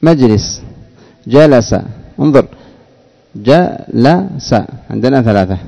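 A male teacher gives a classroom grammar lesson in a mellow, warm voice at a middling pitch. He talks slowly, repeats key words and keeps putting questions to his students. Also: lively intonation, gravelly, low-quality recording.

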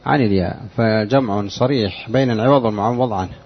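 A man with a somewhat low voice teaches a grammar lesson. His delivery is measured and explanatory, and he keeps drilling the class with questions. The recording is dull and lo-fi. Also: slightly rough. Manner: drills students with repeated questions.

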